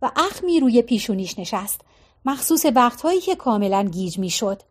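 A woman reading a novel aloud in a steady, measured way as audiobook narrator. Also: a little high. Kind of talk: storytelling narration.

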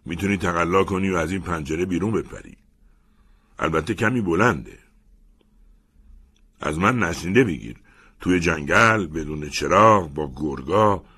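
A man reading a story aloud and voicing a gruff, teasing older commander who talks in slow, mocking taunts. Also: very deep voice, a bit bright, exaggerated voice.

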